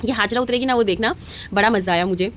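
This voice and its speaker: A young woman narrates her day for a vlog, talking quickly and chattily straight to her viewers. Her pitch sits in the middle of the range, and a faint hum of noise runs behind her voice. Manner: chatty and animated, addressing viewers directly. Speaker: vlogger. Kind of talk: casual vlog voice-over narration.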